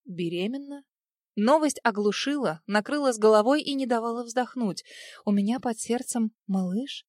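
A woman reading a first-person storybook narration in a lively, emotional way. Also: on the high side, normal speed, dry recording, studio quality. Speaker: audiobook narrator.

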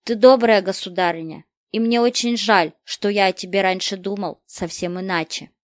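A woman's voice: mid-range voice, fairly even intonation, moderate pace, dry recording, close to an everyday voice. A woman reading aloud, voicing a bold young peasant boy who pleads earnestly, in a dry close recording. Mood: contrite. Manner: pleading, heartfelt.

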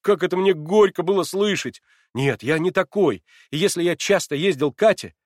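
A man reading aloud, voicing an excitable young man who pleads and swears his love with growing heat. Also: on the high side, brisk, no room sound, clean studio sound, voice pushed up, close to an everyday voice. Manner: heated, excitable, swearing oaths.

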